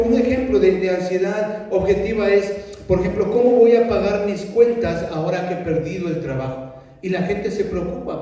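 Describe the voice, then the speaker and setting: A man's voice: high voice, dark tone. A male pastor preaching a sermon in earnest, repeating himself and asking rhetorical questions, heard from far off in a large echoing room. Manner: earnest, repetitive teaching with rhetorical questions and restarts. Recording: echoey hall, voice from far off.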